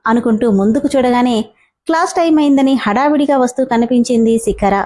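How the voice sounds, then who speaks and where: A woman storyteller reading a serialized tale aloud, steady and even. Her voice sits on the high side with a mellow, soft tone. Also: a little fast. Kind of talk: storybook narration.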